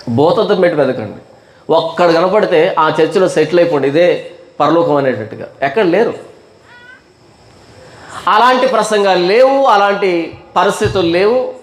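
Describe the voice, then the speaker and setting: A male pastor preaching a Bible study sermon, firing off rhetorical questions and stretching words for emphasis. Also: sits high. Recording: echoey room.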